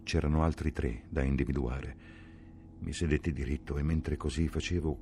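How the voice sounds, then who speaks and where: Male narrator for a literary audiobook: very low, rough-textured voice, grave and measured, with music playing underneath. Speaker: audiobook reader.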